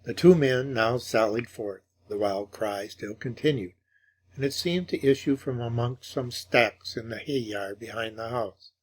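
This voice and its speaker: A man narrating a classic ghost story in measured, dramatic audiobook style. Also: mid-range voice.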